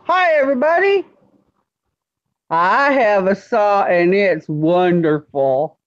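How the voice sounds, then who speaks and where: Slow-talking, gushing woman. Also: mid-range voice, expressive, dull audio. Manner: gushing, enthusiastic. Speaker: live stream co-host. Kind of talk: casual live stream chat.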